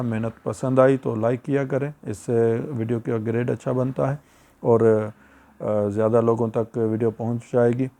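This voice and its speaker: Pakistani Urdu-accented male vlogger, gravelly and flat, chatty and advising, repeats points. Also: medium pitch. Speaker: YouTuber giving immigration advice. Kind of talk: casual advice vlog.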